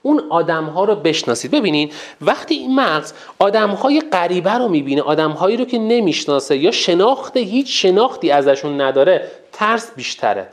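A teacher giving a colloquial lecture in a public speaking course, asking rhetorical questions and repeating points for emphasis. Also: mid-range voice. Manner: animated, asks rhetorical questions to the listeners.

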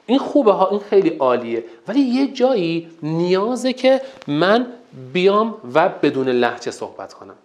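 A man's voice: sits high, sing-song, a little mellow. A man teaching a lesson as a public speaking coach, emphatic and counting off steps, whose first language is Turkic. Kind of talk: online lesson.

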